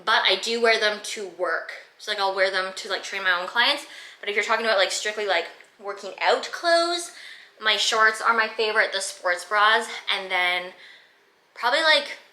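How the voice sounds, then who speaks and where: At a normal speed, a woman with a medium-pitched, pushed and bright voice chats through a fitness Q and A, heavy on fillers. She's a twenty-five-year-old vlogger from Canada recording in her room, and the sound is reverberant.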